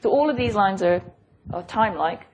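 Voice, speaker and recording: Woman, academic lecturer, professorial, hesitant and thoughtful, repeated phrases, medium pitch, light background noise. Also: lively intonation, fairly quick. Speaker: physics lecturer. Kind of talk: academic lecture, explaining a diagram. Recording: noisy lecture recording with clicks.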